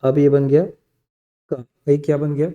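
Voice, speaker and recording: A young man teaching an exam-prep grammar class, his voice a touch high but dark and mellow in tone. He breaks key definitions into single words and repeats them. He keeps checking in with the class as he goes. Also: level tone, a little slow, lo-fi sound. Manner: repetitive, drills key phrases word by word.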